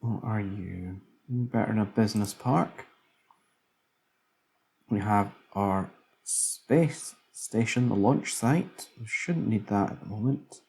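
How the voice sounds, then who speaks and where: A man's voice: lowish voice, takes it slowly, vocal fry, darkish tone. A man casually commentating a city-building game, musing aloud as he builds, tired late at night. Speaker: let's play commentator.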